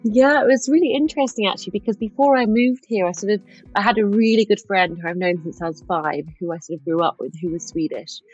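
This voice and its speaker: A woman's voice: medium pitch, quick pace, darkish tone, dull audio, soft background music. A middle-aged woman from England, a guest author telling stories in a casual podcast interview, chatty with frequent ums.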